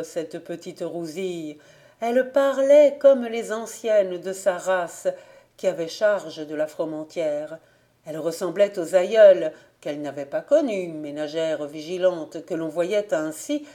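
A woman reading a classic novel aloud as a volunteer audiobook narrator, in a measured, gentle manner. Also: fairly low pitch. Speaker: audiobook reader.

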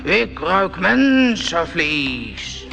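A woman's voice: fairly low pitch, very animated, extremely slow, gravelly, full character voice. A woman voicing a huge, furious male giant in a storybook, bellowing and threatening, with music playing behind. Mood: menacing.

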